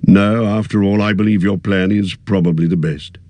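A man's voice: fairly low pitch, steady tone, darkish tone, no room sound, close to an everyday voice. Man doing Gandalf, a grave old wizard. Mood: thoughtful. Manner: slow, measured and thoughtful.

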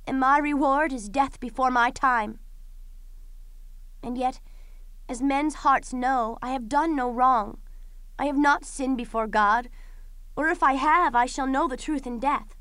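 A woman's voice: sits high, a little slow, long pauses, fairly bright tone, smooth, no room sound. A woman playing a doomed young princess in a Greek tragedy, grieving yet defiant, with solemn, lamenting declamation. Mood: mournful, defiant. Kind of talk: classical Greek tragedy audio performance.

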